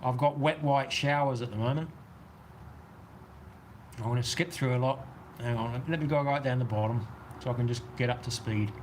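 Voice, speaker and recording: This is a man with a mid-range voice and a New Zealand accent, speaking at a moderate pace over slight background noise. He's livestreaming from an outdoor weather shelter on a golf course, chatting casually and rambling as he responds to viewer comments.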